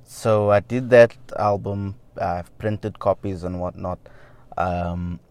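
A man's voice: low voice, steady tone, slow pace, darkish tone, clean tone. A man, a musician answering interview questions in a loose, rambling way with many fillers and the odd wry laugh. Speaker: musician guest.

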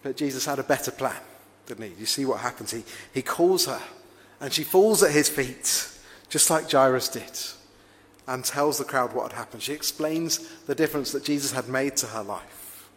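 A man's voice: mid-range voice, moderate pace, in a large hall. A man preaching a sermon in a reflective, conversational way, often asking his listeners rhetorical questions.

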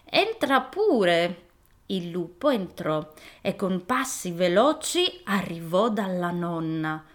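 A woman narrating a fairy tale in a scripted, playful storybook style. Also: medium pitch. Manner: animated, playful telling.

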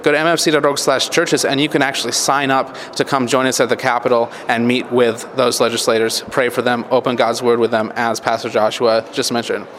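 A man's voice: mid-range voice, level tone, a little fast, hardly any pauses, a bit bright. An American man hosting a podcast conversationally, his voice echoing in a big hall. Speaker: podcast host. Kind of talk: conversational interviewing and commentary. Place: echoey, nearly empty state capitol hall. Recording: echoey big hall, faint background noise.

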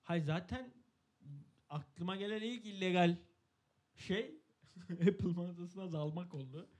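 High-voiced joking man. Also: measured pace. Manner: joking, loud bursts when quoting himself. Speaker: podcast co-host. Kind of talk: casual chat.

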